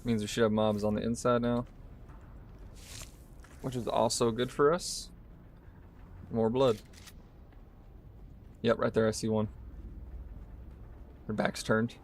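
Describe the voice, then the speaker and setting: A man's voice: lowish voice, takes it slowly, pauses often, slight background noise. A male streamer giving casual commentary as he plays, talking through each move and chatting with viewers. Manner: relaxed, talks through each move while playing.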